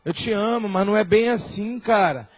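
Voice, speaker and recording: A man preaching a sermon in a Brazilian Portuguese accent, switching between quiet asides and shouted, acted-out quotes. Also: sits high, normal speed. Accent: Brazilian Portuguese, Rio de Janeiro area. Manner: impassioned preacher, acts out quoted voices and shouts. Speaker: apostle preaching.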